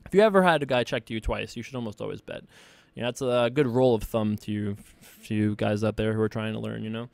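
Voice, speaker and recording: A man hosting his own poker series, thinking aloud in a relaxed, joking way while he plays hands online. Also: lowish voice, fast, gravelly, dry recording. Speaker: poker player and show host. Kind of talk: casual online poker commentary. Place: home desk setup.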